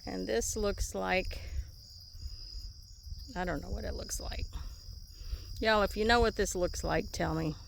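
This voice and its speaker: A woman's voice: medium pitch, gravelly, a little hiss or hum. A woman hosting a casual vlog outdoors in a horse pasture, chatting and rambling while she digs, a little out of breath. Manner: chatty, rambling, easily amused. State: slightly out of breath from digging. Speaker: vlog host.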